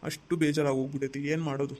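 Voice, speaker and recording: A man's voice: a little high, level tone, very fast, darkish tone, natural voice. An actor playing a dejected man who just lost his job, gloomy and resigned. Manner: gloomy, resigned, repeating himself. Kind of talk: amateur family drama skit.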